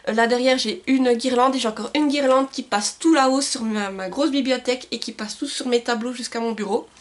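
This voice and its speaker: A woman with a slightly high voice chats to camera in her home, surrounded by bookshelves. She talks casually and loosely, with many fillers and restarts, recorded on a camcorder mic. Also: fairly quick. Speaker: book vlogger. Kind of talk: casual book haul chat. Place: home room with bookshelves and Christmas lights.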